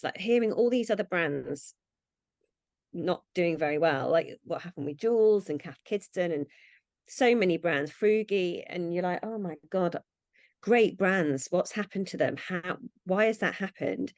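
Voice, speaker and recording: A brand founder appearing as a podcast guest chats casually in an interview, acting out the thoughts she once had. Her voice sits on the low side, and the studio-quality recording has no echo.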